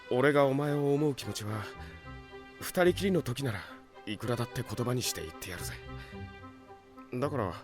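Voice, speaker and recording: An actor playing a gruff, blunt tough man who talks rough, in an audio drama with music behind. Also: medium pitch, animated, normal speed, pauses often, lightly acted.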